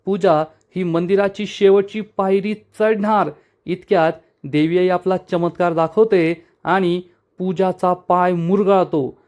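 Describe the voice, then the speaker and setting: A man's voice: high-pitched, fairly even intonation, slow, darkish tone. A man retelling a TV serial episode plot step by step as a storyteller, addressing listeners as friends.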